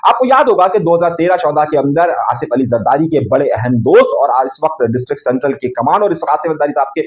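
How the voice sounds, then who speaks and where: A man's voice: fairly high pitch, animated, fast. A man delivering an emphatic political news commentary monologue, posing rhetorical questions to his audience. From Pakistan.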